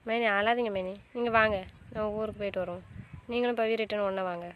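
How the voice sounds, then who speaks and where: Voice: mid-range voice, fairly even intonation, quick pace, muffled recording, close to an everyday voice. An actor playing a younger family member who pleads for a sister-in-law and turns defiant when pressed. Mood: pleading. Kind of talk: village family drama acting. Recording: loud outdoor rural noise.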